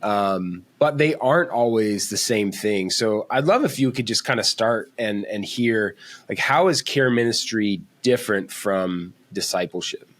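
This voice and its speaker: A man hosting a podcast interview, relaxed and friendly, often restarting his sentences. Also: fairly low pitch, unhurried. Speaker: podcast host.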